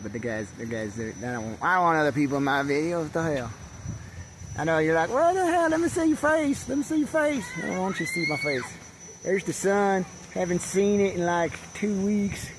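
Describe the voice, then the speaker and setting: A man's voice: on the high side, low-quality recording. An older man vlogging outdoors at a campsite on a handheld camera, rambling and profane, stumbling over restarts. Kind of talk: rambling casual vlog. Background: faint wind and birds.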